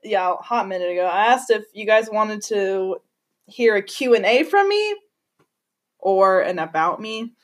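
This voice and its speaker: A woman's voice: mid-range voice, expressive, a little slow. A young woman hosting a podcast, chatting casually with a friend, giggly and swearing freely. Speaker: podcast host. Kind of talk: casual chat.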